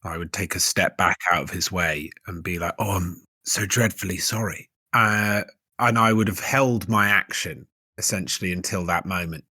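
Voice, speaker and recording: A man playing a tabletop game, laying out his plan deliberately and checking the rules. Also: low-pitched, bright, forceful tone, no room sound, clean studio sound. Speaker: player. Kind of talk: casual tabletop play.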